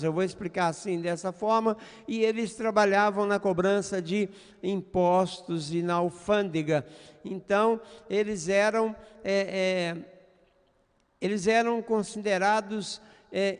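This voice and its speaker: Male pastor, earnest sermon, high voice, long church reverb. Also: clear, resonant tone. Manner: earnest, addresses the congregation, frequent "né" fillers.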